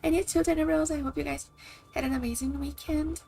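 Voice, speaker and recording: A high-sitting, gravelly yet mellow voice moves briskly with fairly even intonation as this Brazilian woman, a native Portuguese speaker, rambles on her game stream. The casual chat is packed with "like" and "kinda," over faint game music.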